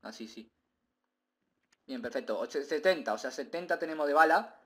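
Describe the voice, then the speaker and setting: A man giving excitable, rambling gameplay commentary, repeating himself and bursting into shouts. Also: on the high side, normal speed. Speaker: gaming video creator.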